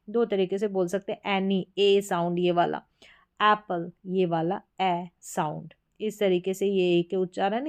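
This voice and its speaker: A woman teaches English spelling rules in a steady, methodical way, saying each example word twice over. Her voice is smooth and clear and sits in a mid pitch. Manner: steady explaining, repeats example words. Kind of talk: spoken lesson on spelling patterns.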